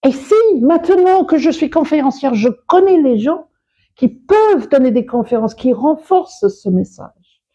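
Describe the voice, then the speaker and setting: A woman's voice: sits high, mellow, highs cut off. A woman who works as a public speaker and coach, talking expressively in an interview, laughing often and restarting her sentences. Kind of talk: interview conversation.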